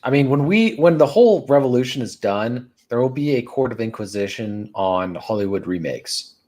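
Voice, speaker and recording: A man's voice: medium pitch, animated, normal speed, a little mellow. A man co-hosting a casual podcast chat, joking around and riffing on old movie lines. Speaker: podcast co-host.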